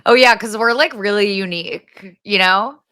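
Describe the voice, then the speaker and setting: A woman guesting on a podcast in casual, playfully dramatic chat, with crisp vocal fry at the ends of her phrases. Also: mid-range voice, moderate pace, sharp tone. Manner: conversational, frequent 'like', playful dramatizing.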